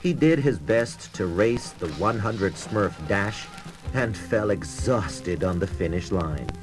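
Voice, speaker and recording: A man reads scripted narration for a children's read-along storybook record, with music playing behind him. His voice is fairly low and animated, he takes it slowly, and the audio quality is poor.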